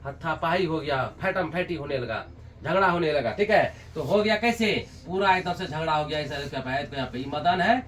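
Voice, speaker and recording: A male teacher retells a story for students in a lively way and keeps asking them quick questions. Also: a little high, far from the mic, slight background noise. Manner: lively, with constant check-in questions.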